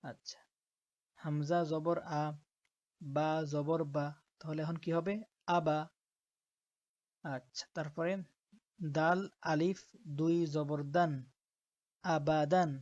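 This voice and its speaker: A woman teaching Quran reading, who spells out letters slowly and often checks that her listeners are following. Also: low voice, level tone, darkish tone, dry recording, lo-fi sound. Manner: slow, patient, checks in with "ঠিক আছে?".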